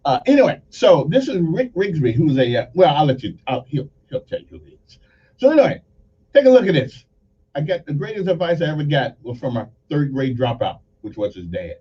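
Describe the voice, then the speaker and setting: A man hosting with casual, halting talk, often interrupting himself. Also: fairly high pitch, sing-song, husky. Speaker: show host. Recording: dull lo-fi audio.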